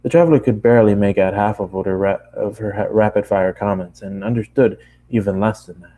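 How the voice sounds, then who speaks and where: Reading fan fiction as an amateur voice actor, a man narrates a story with casual asides, occasionally tripping over words and apologizing. His voice is lowish and warm, though the audio quality is poor.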